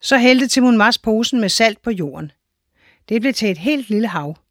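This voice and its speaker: A woman reading a children's story aloud in a clear, measured storytelling manner. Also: on the high side, lively intonation, no echo, studio quality. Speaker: narrator.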